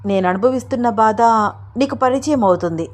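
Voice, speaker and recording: A woman's voice: on the high side, a little fast, a little mellow, natural voice. Lady doing a stern older mom who gives orders, firm and grave, story read aloud. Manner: firm, commanding. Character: older mother figure, stern, grieving woman.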